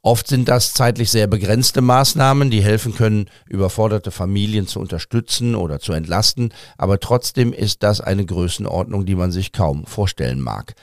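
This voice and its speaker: A man's voice: fairly low pitch, normal speed, few pauses, no room sound, studio quality. A man hosting a news podcast, presenting scripted news.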